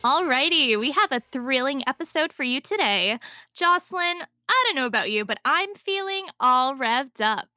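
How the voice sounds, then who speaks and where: A woman's voice: high-pitched, lively intonation, normal speed, sharp tone, no echo, clean studio sound. A woman co-hosting an interview show in an upbeat, chatty style. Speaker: podcast co-host.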